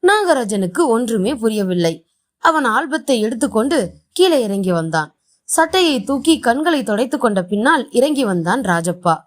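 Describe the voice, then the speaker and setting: A woman's voice: on the high side, sing-song, normal speed. A woman reading translated short stories aloud as a storyteller, voicing the dialogue expressively.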